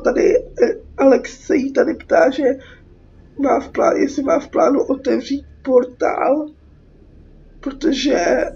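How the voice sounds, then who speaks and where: A Czech gaming YouTuber, sick with a cold, speaks in a high, creaky, warm voice. Her game commentary is casual and sweary as she reads out dialogue and reacts in exasperation, recorded on a muffled mic with background noise.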